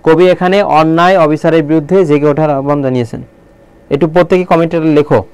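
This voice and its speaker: Fast, crisp-voiced male tutor quizzing viewers. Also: fairly high pitch, fairly even intonation, darkish tone, no room sound. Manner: quizzing viewers with repeated questions; slows down to read poem lines aloud. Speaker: online admission-prep Bangla teacher. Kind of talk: live online lecture.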